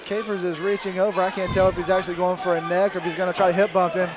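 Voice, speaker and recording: A man's voice: high-pitched, level tone, rapid-fire. A man calling a live mixed martial arts bout as commentator in a casual, conversational style. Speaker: fight commentator. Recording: noisy arena with crowd. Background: crowd noise.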